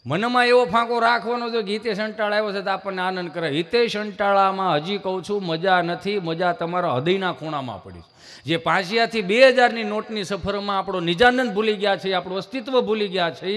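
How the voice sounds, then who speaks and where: Performing live at an ashram, a Kathiyawadi Gujarati-accented comedian tells folksy comic stories and plays all the dialogue himself in other voices. His voice sits high with a fairly bright tone and a fairly quick delivery, and the room is reverberant.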